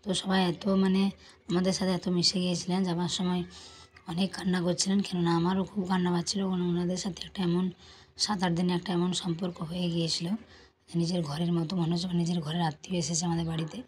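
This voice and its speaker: Hoarse woman, low flat voice, quick devotional vlog chat, faint hiss behind. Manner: earnest, devotional, talks to viewers as friends. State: hoarse from a cold. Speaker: vlog host, pilgrimage guide. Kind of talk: casual vlog narration.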